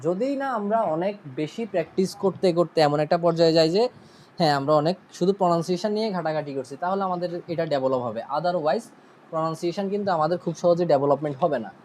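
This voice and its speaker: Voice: mid-range voice, quick pace, darkish tone, a little hiss or hum, poor audio. A teacher with a Bangladeshi Bengali accent talks through IELTS speaking tips in a casual online lesson. The delivery is chatty, with frequent check-ins with the listeners, and English exam terms are dropped in along the way. The teacher sometimes stops mid-thought to correct an earlier point. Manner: mixes English terms into its explanations.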